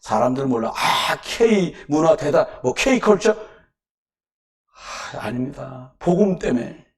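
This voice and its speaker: Male pastor, mid-sermon, high-pitched and expressive, with punchy rhetorical questions and bursts of volume; mic sits well away from him. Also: slow, far from the mic. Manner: animated preaching with rhetorical questions and sudden loud emphasis. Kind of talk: sermon at a Wednesday church service. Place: church sanctuary.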